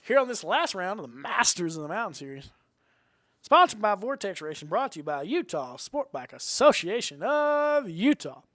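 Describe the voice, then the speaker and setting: Guy announcing motorcycle races, high pitched voice, folksy slang, drags out names, pretty dry sound. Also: very animated, fairly bright tone, no echo. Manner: folksy showman's slang, drawn-out emphasis on names and phrases. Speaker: race announcer at a motorcycle road race. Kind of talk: live trackside announcing, folksy and rambling.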